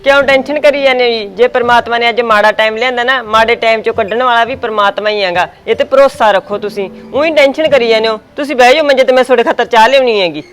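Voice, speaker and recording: A woman's voice: a little high, quick pace, few pauses, a bit bright. A woman with a Punjabi accent playing a wife in a village drama, soothing her husband. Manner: soothing, reassuring.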